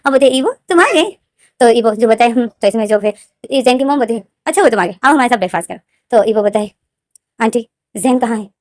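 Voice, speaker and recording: A woman's voice: fast talker, a little mellow, no room sound. A woman casually retelling a fan fiction story, acting out the characters' dialogue with a raised voice. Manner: narrates and acts out dialogue lines with raised pitch.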